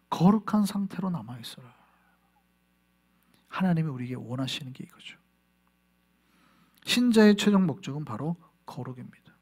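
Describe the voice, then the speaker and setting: A male pastor delivering a Sunday sermon with a high, bright-pitched voice. His delivery is lively and animated, with pitch leaping and dropping as he acts out little scenes. He keeps drawing the congregation in with rhetorical questions. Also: slightly rough.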